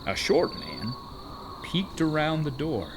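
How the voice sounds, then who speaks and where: A weary donkey, voiced by a man, recounts his journey in a children's audio drama. He takes his time with dramatic pauses and a very lively pitch. Animal and cricket noises sit clearly behind him. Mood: weary storytelling. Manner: deliberate storytelling with dramatic pauses. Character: Eli, a weary, aggrieved male donkey telling his journey. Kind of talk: first-person children's audio drama narration. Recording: noisy, with animal and cricket ambience.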